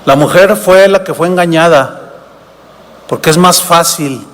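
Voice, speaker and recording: A man preaching from the pulpit, his voice sitting high for a man. He asks his listeners questions and slips into short acted exchanges. The sound rings with the long reverb of a large hall. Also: a little slow, fairly bright tone. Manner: preaches with rhetorical questions, acts out dialogues. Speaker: pastor. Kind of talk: sermon.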